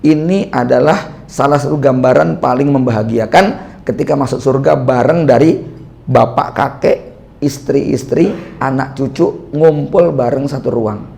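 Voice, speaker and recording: Gravelly-voiced male preacher, conversational. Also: mid-range voice, a little slow, dark tone. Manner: chatty, poses rhetorical questions to the audience; acts out little quoted dialogues. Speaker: Islamic preacher. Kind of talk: conversational religious lecture.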